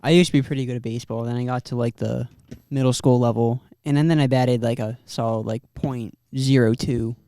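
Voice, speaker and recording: A young man with a mid-range voice who talks haltingly, often repeating his words and making crude jokes. The sound is close and dry. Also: medium pitch, steady tone, mellow, no room sound. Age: young adult. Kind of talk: casual chat.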